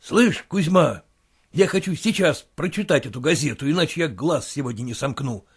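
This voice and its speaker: A man's voice: a little high, expressive, moderate pace, breathy edge. A man reading aloud, voicing a flustered, indignant middle-aged merchant in a storybook. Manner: agitated, indignant outbursts.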